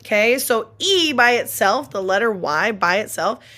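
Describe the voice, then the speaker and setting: A woman's voice: on the high side, animated, normal speed, pushed and bright. A woman who is a Spanish teacher and a mother, speaking in a recorded online lesson and patiently repeating example words. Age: adult.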